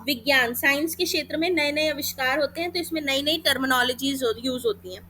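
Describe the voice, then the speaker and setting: A woman teaching a Hindi grammar lesson for exam preparation, calling students beta and mixing in English terms while sounding out letters slowly. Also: sits high, bright, forceful tone, slight background noise.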